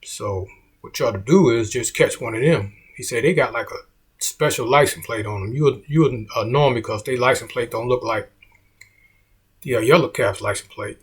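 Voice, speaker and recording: Comedian, man, middle-aged; easygoing husky storyteller, mid-pitched, drops "man" throughout. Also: normal speed. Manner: laid-back, peppers lines with "man".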